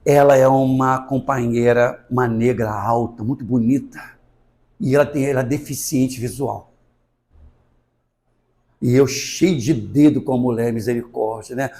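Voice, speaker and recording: A man's voice: mid-range voice, a little slow. A middle-aged Brazilian man giving a spiritist talk in a Brazilian Portuguese accent, acting out dialogue as he tells stories. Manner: animated storytelling, acting out dialogue. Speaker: spiritist lecturer. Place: spiritist center hall.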